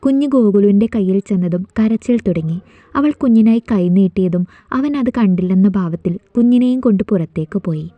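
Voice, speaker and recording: A woman narrating a family romance story in a soft, steady storytelling manner, on a dull, dry recording. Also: mid-range voice, brisk, dry recording.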